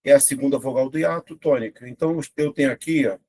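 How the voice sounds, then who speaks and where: A man's voice: medium pitch, fast. A young adult man with a Brazilian Portuguese accent, teaching an online exam-prep grammar lesson and talking straight to his students. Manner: lively, talks to students directly with frequent "né?".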